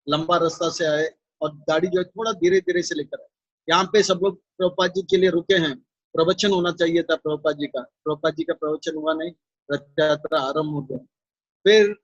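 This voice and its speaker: A monk telling a devotional story in a talk, unhurried and pausing often with fillers. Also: male voice, fairly high pitch, dry recording, muffled recording.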